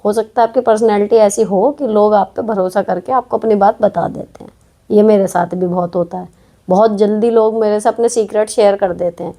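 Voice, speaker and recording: A woman's voice: medium pitch, steady tone, a little fast, mellow. A woman hosting an advice show, answering viewer questions in casual, frank talk with many tag questions. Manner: direct, frank, chatty, with frequent tag questions.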